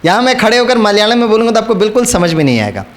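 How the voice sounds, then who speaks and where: Man, high and very animated, spiritual storyteller coaxing a crowd. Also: racing. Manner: storytelling, coaxing the audience to repeat lines. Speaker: spiritual speaker. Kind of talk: motivational spiritual talk to an audience.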